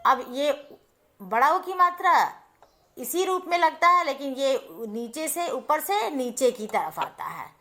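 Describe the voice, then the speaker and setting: A woman's voice: on the high side, fairly bright tone. A woman teacher giving a step-by-step lesson to young children, patiently explaining and often asking whether they understand.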